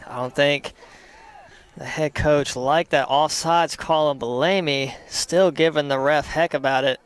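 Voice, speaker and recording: A young man calling a live college soccer match play by play, steady between plays and rising sharply on chances. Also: on the high side, a little slow, clear, resonant tone. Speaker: play-by-play commentator.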